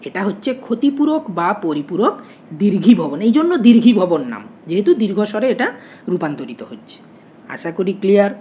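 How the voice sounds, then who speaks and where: A woman's voice: mid-range voice, very animated, fairly quick, dark tone. A woman teacher explaining grammar step by step, asking questions and answering them herself. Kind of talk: online grammar lesson. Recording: muffled lo-fi recording with faint noise.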